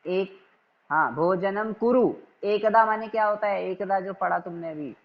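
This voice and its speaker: A man teaching an online class, calmly but firmly correcting his students' reading and repeating himself until they get it right. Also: sits high, a little slow, highs cut off. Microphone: video call.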